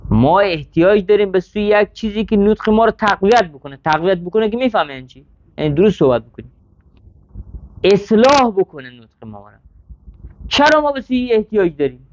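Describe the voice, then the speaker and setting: Lively man teaching a lesson. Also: high voice. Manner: explains Arabic text line by line, asks students questions. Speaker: seminary teacher. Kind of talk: classroom lesson. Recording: dull lo-fi sound.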